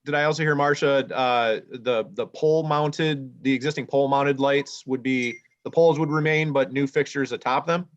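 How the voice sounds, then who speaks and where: A man chairs a public planning meeting, restating answers in a measured way to confirm them. His pitch is middling. The recording sounds dull and muffled. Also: steady tone. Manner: measured, clarifying questions.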